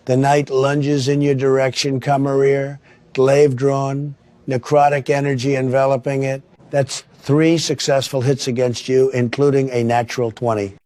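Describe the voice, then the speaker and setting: A man narrating as dungeon master in a tabletop game, with steady, even delivery. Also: mid-range voice, moderate pace.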